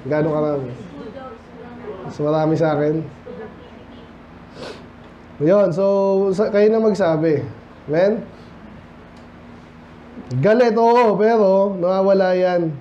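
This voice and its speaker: A man's voice: fairly high pitch, steady tone, slow, pauses often. A man from the Philippines preaching a midweek Bible study sermon in a conversational way, often asking the congregation for an amen and mixing in English phrases. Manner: mixes English phrases into his talk. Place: church hall. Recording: dull lo-fi church recording with faint noise.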